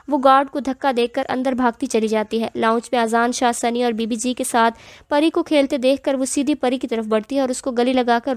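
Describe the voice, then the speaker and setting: Female novel narrator, high pitch, dry recording, steady dramatic telling. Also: dry recording. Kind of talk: reading an Urdu romance novel aloud.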